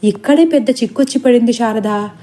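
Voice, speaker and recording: A woman's voice: a little high, brisk, dark tone, natural voice. A woman voicing a worried middle-aged father who turns furious at his son, in a storybook reading. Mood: grave.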